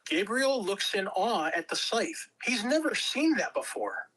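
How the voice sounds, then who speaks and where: A woman reads scripted narration at a table read, telling the action in a dramatic storytelling style. Her voice is medium-pitched and fairly bright, very animated but a little slow, and the recording quality is low.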